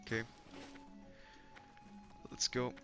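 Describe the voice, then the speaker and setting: Soft music plays behind a young Polish man who draws out his words in a fairly bright tone. Laid-back and foul-mouthed, he chats with viewers while playing a game, and the lo-fi stream audio sounds slightly dull.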